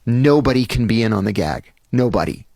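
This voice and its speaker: A man doing a low, stubborn male client. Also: expressive, a little fast, creaky, warm tone, no echo, clean studio sound.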